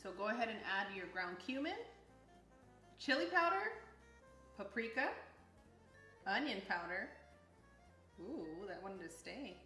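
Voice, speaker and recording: A woman's voice: mid-range voice, very animated, unhurried, long pauses, sharp tone, echoey room, soft background music. A woman hosting a home cooking video, explaining each step in an upbeat, chatty way and laughing often. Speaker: cooking channel host. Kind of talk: casual cooking demonstration. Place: home kitchen.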